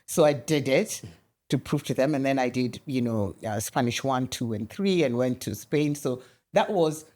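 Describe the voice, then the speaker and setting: Her voice is a low rumble and her speed is normal. She is a middle-aged woman from Kenya, guesting in a conversational interview and telling spirited stories full of restarts.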